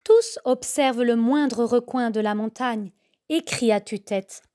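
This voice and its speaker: A mother reading a children's story aloud in a slow, expressive storybook manner. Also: fairly high pitch. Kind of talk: storybook narration.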